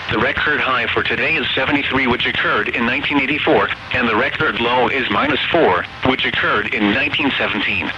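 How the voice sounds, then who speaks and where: A synthetic text-to-speech male voice with an American accent and medium pitch serves as announcer for scripted weather bulletins, formal, measured and impersonal. The weather radio broadcast sounds dull and noisy.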